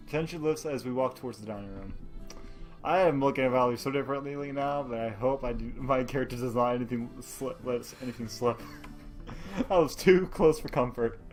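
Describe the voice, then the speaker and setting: A man reads a dating-style game aloud, his voice sitting at an ordinary middle pitch. He breaks off to laugh and crack jokes, tripping over words as he goes. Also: a little mellow. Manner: laughs often, jokes, stumbles over words while reading. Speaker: let's play host. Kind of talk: reading a visual novel aloud with commentary.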